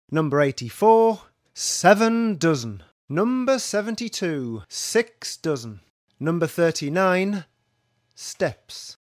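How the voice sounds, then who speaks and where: A man's voice: a little high, no room sound, studio quality. A man working as a bingo caller, announcing numbers and their rhyming nicknames in a set sing-song pattern.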